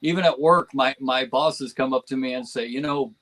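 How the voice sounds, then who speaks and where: A man's voice: mid-range voice, steady tone, moderate pace, fairly bright tone, poor audio. A man from New Jersey chatting as a guest on a fan podcast, enthusiastic and rambling, with frequent chuckles. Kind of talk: casual podcast chat.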